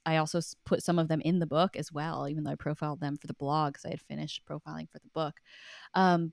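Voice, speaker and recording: A writer in her thirties appears as a podcast guest, speaking earnestly and emphatically in a reflective, conversational interview. Her voice is deep, and the clean studio sound has no echo.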